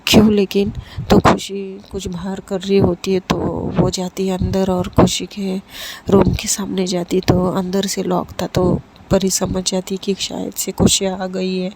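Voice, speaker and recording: Woman, casual storyteller, flat delivery, noisy recording, frequent restarts. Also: mid-range voice, unhurried. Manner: voices characters lightly in her own voice, many fillers and restarts. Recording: steady background noise.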